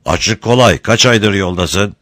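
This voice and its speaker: A man voicing a gruff, quick-tempered Ottoman gendarme captain who barks orders. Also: fairly low pitch, fairly bright tone, no echo, clean studio sound. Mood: stern. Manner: barking, commanding.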